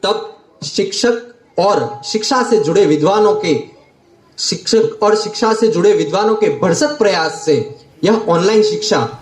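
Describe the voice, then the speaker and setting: A man's voice: high-pitched, unhurried. A young man in his late teens, a student debater giving a formal speech, declaiming and repeating phrases for emphasis. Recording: roomy echo.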